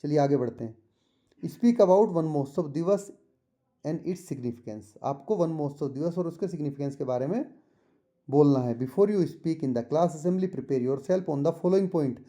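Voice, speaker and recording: A man with an Indian English accent explaining a textbook lesson to students, reading English lines slowly and then explaining each one patiently. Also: a little high, dark tone. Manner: addresses students directly, patient. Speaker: tutor.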